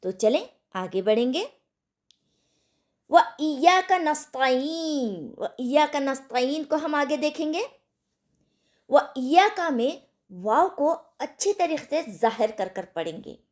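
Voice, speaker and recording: Woman, recitation teacher, slow drill-style delivery, a touch higher voice. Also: very animated, darkish tone. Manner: slow, deliberate, repeats sounds for practice; asks the class if they understood. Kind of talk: online tajweed lesson.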